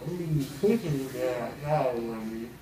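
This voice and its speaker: A man's voice: mid-range voice, brisk, very echoey, crowd noise, low-quality recording. A young man chatting casually, groggy from anesthesia with his mouth packed after dental surgery. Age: young adult. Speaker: patient after wisdom teeth removal. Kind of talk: casual chat. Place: small dental treatment room, phone camera held by companion.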